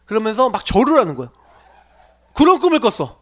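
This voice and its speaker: Preaching to youth, this pastor speaks fairly quickly with a high, fairly bright voice that swings hugely in pitch. He keeps asking his audience questions and performs the quoted lines in character.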